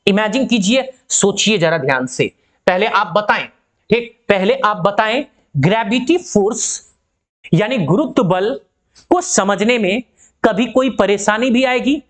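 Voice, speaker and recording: A woman's voice: medium pitch, animated, measured pace. A woman teaching physics in an online lesson. She asks the class rhetorical questions, keeps checking that they follow, and calls them by fond names. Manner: addresses students affectionately.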